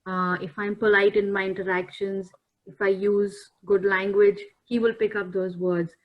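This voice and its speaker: A woman from India, a panel guest on a talk show, speaks thoughtfully and earnestly in a reflective discussion. Her voice is medium-pitched and level at normal speed, and the video-call recording sounds muffled.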